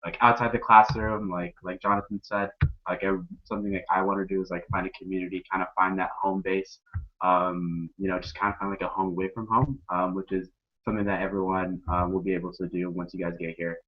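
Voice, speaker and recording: A man's voice: sits low, flat delivery, a little fast. A young man, a student peer advisor, talking casually on a panel with many ums and likes. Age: young adult. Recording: dull lo-fi audio.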